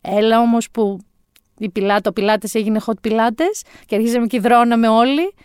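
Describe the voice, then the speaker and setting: A woman's voice: a little high, darkish tone, clean tone, no echo. A woman in her forties telling a comic story in a wry, self-mocking way, close to the mic. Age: 40s. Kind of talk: comic monologue.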